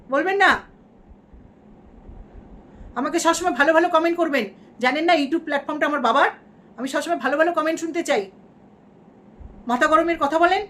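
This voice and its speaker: A woman's voice: high voice, a bit bright. A woman doing a gloating shameless vlogger villain. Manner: gloating, mock-defiant rants. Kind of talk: mock livestream parody.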